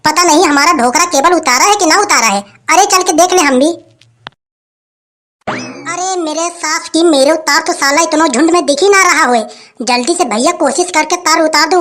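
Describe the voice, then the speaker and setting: A woman's voice: extremely high pitch, a bit bright. A woman playing a scheming young village man.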